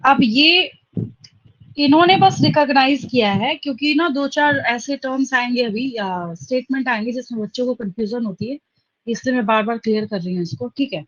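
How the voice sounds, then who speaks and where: A woman teaching a classroom lecture, explaining step by step, dictating terms slowly, and checking that students follow. Her English terms carry an Indian accent. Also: sits high, fairly bright tone, no echo, dull audio. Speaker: biology teacher.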